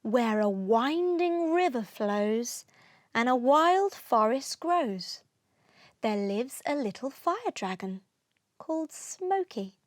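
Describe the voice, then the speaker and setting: In a high voice, a woman reads a children's storybook written in rhyming verse, with slow, expressive, rhythmic delivery. The recording is close and dry, with no room sound.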